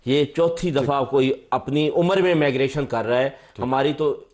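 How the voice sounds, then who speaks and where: A man argues as a guest on a televised political debate. He is insistent and cuts in often. His voice has an average pitch. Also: a little mellow. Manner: argumentative, interrupting, insistent. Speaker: guest, lawyer.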